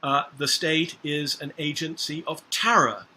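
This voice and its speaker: A man's voice: a little high, steady tone, unhurried, sharp tone, a little hiss or hum. A middle-aged man from Scotland giving a university lecture, hesitating often with filler sounds and checking in with "right?". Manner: hesitant, many filler sounds and tag questions.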